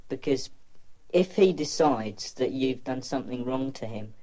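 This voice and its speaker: A man's voice: mid-range voice, lively intonation, measured pace, mellow. Teenage boy with an electronically disguised voice. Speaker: anonymous pupil. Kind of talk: interview testimony.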